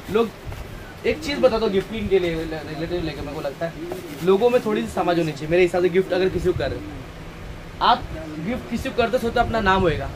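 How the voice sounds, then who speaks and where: A man in his thirties talks in a chatty, easygoing way with a fairly high voice. He walks through his stock and drifts into preachy asides. Street traffic and shop noise carry clearly behind him. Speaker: shop owner showing stock. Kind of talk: casual product walkthrough. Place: crowded housewares shop, indoors. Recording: noisy shop with traffic outside.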